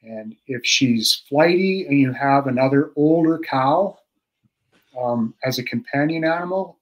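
A middle-aged cattle expert explains calving over a video call from a room at home, speaking casually and practically with many fillers and restarts. His voice is medium-pitched and unhurried, and the webcam microphone cuts off the highs.

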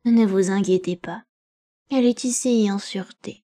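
A woman voicing a kindly, calm farm servant woman in a gentle, soothing manner, read in an audiobook. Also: medium pitch, moderate pace, lightly acted. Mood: reassuring.

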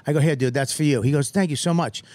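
A man hosting a podcast, telling a comic story in an animated, profane way and acting out other people's lines. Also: a little high, quick pace, no room sound. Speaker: podcast host.

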